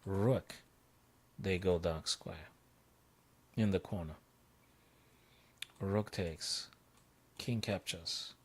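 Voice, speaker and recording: A man with a very low voice talks his way through chess puzzles on a live stream. He thinks aloud in short bursts, repeats phrases and breaks into excited outbursts. He sounds like a coach working out each move in real time. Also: drawn-out words, pauses often, husky.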